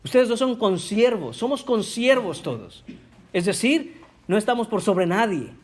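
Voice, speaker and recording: High-voiced man preaching a sermon. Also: expressive, a little slow. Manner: emphatic preaching, addresses the congregation directly. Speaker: pastor. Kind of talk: Spanish-language sermon. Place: church.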